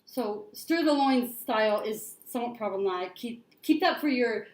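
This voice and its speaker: A woman's voice: fairly high pitch, lively intonation, moderate pace. A woman chatting and debating casually, blunt and informal, peppering her talk with "like" as she raises questions. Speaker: discussion partner posing questions. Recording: echoey room with faint noise.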